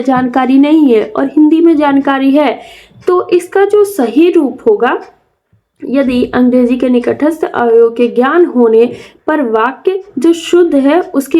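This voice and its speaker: High-voiced woman teaching grammar. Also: a little mellow. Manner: reads textbook lines then explains them plainly, with frequent "uh" fillers. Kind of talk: classroom lecture explaining from notes.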